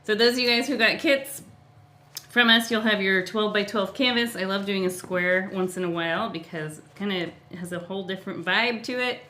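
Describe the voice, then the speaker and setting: Bright-voiced woman teaching painting. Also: medium pitch, a little fast. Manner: cheerful, laughs often, step-by-step instructions. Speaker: painting instructor. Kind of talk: live painting tutorial, casual chat.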